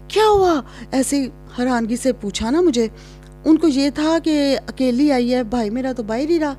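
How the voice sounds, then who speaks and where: Mellow-voiced woman telling a story. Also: medium pitch. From Pakistan. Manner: chatty, reenacts scenes with rising excitement. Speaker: vlogger telling a childhood story. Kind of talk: casual storytelling to camera.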